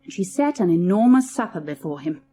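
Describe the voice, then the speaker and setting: Expressive woman reading a storybook. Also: fairly low pitch, brisk, a little hiss or hum. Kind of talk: scripted storybook narration.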